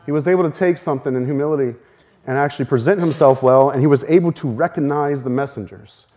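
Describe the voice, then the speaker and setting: A man of medium pitch preaches a teaching sermon on a lo-fi recording, speaking earnestly with a slightly strained voice. His delivery quickens in sudden bursts, punctuated by soft laughter.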